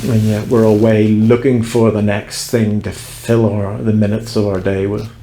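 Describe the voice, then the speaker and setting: A man vlogging from a cable car on a mountain, rambling reflectively and gently mocking himself. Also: fairly low pitch, flat delivery, normal speed, roomy sound, faint music behind. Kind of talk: musing vlog monologue.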